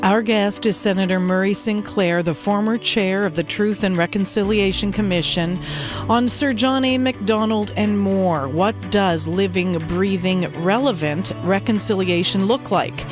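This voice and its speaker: A woman hosting a call-in radio show, brisk and conversational. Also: medium pitch, over music. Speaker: radio host.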